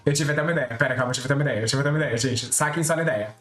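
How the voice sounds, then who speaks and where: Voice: medium pitch, racing, reverberant, very noisy. A streamer chatting casually and giggly on a live stream, often repeating little words.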